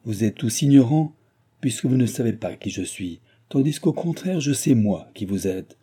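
A man's voice: medium pitch, animated, moderate pace, warm tone, slightly rough. A man reading an audiobook, voicing a haughty, commanding mysterious stranger who speaks with scorn. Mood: imperious. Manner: scornful, imperious.

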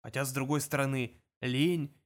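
A man voicing a dim-witted, hulking young alien guard in an audiobook reading, barking or slow and dull. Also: mid-range voice, steady tone, lightly acted.

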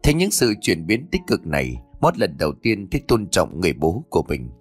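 A man narrating a ghost story with expressive, rising and falling delivery. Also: low-pitched, brisk, husky. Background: faint background music.

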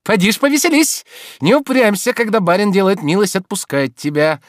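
A man voicing an agitated, nervous gentleman who pleads with and shouts orders at his servants. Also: sits high, a little fast, no echo, studio quality, voice pushed up. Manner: excited, insistent, shouting orders.

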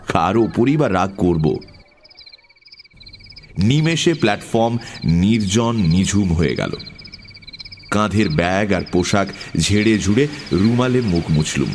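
A man narrating an audiobook story in an expressive storytelling manner. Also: fairly low pitch, background noise. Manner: expressive storytelling, tense at times.

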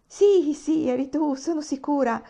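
A woman voicing a cheerful young girl who talks in excited exclamations. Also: high-pitched, unhurried, vocal fry, pitched above the performer's own voice. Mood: overjoyed. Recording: dull lo-fi recording.

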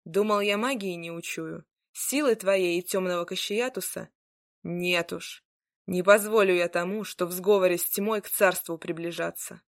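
A woman's voice: fairly low pitch, normal speed, dry recording, studio quality, natural voice. A woman voicing a cold, treacherous male tsar who speaks sternly and threatens. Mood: menacing.

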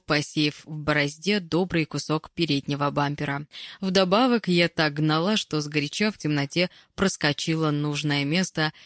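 A woman narrating an audiobook in a measured, wry storytelling manner, recorded close on the mic. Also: sits low, no room sound.

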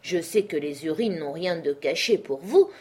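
A woman reading the part of a proud young country doctor who speaks with ironic, spirited defiance, in a slightly husky voice. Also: deep voice, animated, normal speed, mellow.

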